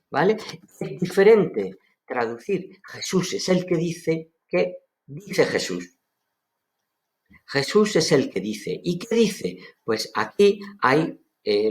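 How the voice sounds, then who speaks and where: An Andalusian man gives an online language lesson in a somewhat high, very animated voice. He speaks at an unhurried pace, lingering on words and repeating them slowly. His enthusiasm comes through as he explains. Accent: Andalusian Spanish. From Seville, Spain. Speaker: Aramaic teacher.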